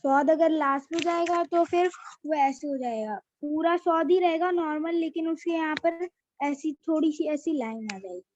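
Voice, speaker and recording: A woman's voice: high-pitched, normal speed, a little mellow, highs cut off, a little hiss or hum. A woman teaching a children's alphabet lesson, patiently repeating each letter name as she explains.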